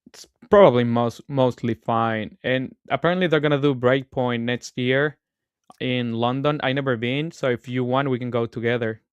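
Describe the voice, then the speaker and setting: A man with a smooth, clean voice talks in a relaxed, filler-heavy way as a podcast co-host. The sound is close and dry, with no room in it. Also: mid-range voice, normal speed, no echo, highs cut off. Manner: laid-back, filler-heavy. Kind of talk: casual podcast chat.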